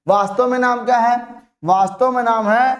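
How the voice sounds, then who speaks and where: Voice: mid-range voice, fairly even intonation. Teacher drilling terms by repetition. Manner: asks and answers own questions, repeating terms slowly. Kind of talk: online chemistry lesson.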